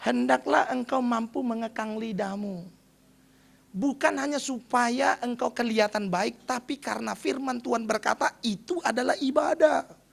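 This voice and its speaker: High-voiced, gravelly male pastor. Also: moderate pace. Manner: chatty storytelling, often addressing the congregation as brothers and sisters. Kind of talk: sermon.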